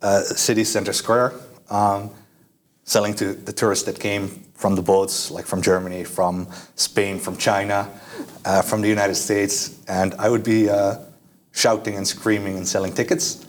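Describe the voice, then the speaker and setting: A young man from the Netherlands, appearing as a guest, answers interview questions casually and hesitantly, with many fillers and restarts. His voice is lowish, his delivery flat, and his pace a little slow.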